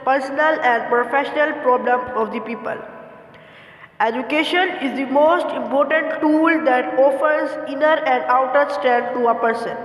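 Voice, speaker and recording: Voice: sits high, a bit bright. A speaker giving an earnest, formal, recited school assembly speech on an echoey recording. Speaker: speech presenter. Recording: echoey, long hall-like reverb.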